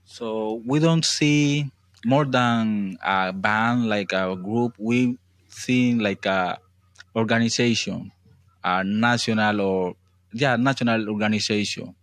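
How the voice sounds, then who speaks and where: A man with a Colombian accent, a native Spanish speaker, interpreting in simple English with halting non-native phrasing. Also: on the low side, a bit bright, dry recording.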